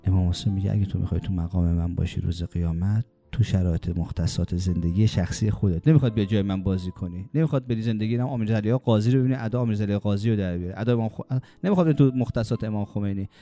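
Preacher, male, deep mellow tone, exhorting, slow chanted verses, faint music bed. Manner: exhorting, quotes Quranic Arabic in a slow chant; acts out complaining voices in quick high bursts. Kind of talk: religious sermon.

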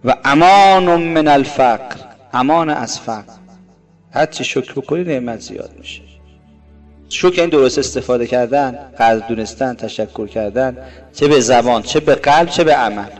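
A man preaching a sermon. He swings between loud, emphatic rises and soft, low asides, and draws out quoted Arabic phrases slowly. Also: faint music behind. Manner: drawn-out Arabic quotations.

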